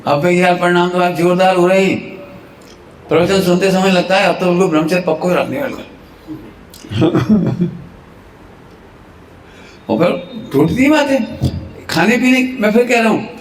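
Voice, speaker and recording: A man preaches a devotional sermon in a temple hall, his fairly high voice carrying through a roomy, echoing space over a faint hum of ambience. He talks in an animated, storytelling way, acting out family squabbles and chuckling often. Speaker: Jain preacher.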